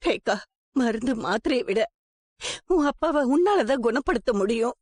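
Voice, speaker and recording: A middle-aged actress playing a gentle, worried mother who soothes her sick husband and pleads with their daughter in a TV serial. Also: fairly high pitch, animated, normal speed, dry recording. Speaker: wife and mother. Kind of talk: TV serial acting.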